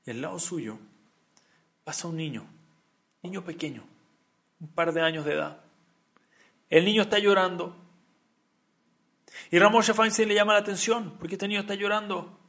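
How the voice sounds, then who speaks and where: A man's voice: sits high, moderate pace, gravelly, long pauses, a bit bright. A man giving a storytelling sermon as a Torah teacher, building up emphatic, repeated phrases. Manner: rising, emphatic storytelling with many repetitions.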